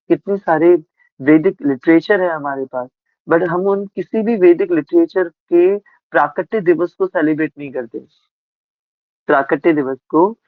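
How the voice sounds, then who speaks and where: A man's voice: fairly high pitch, no room sound. A man giving a devotional discourse as a spiritual speaker, telling a scriptural story and asking his listeners rhetorical questions. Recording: tinny phone-like sound, dry.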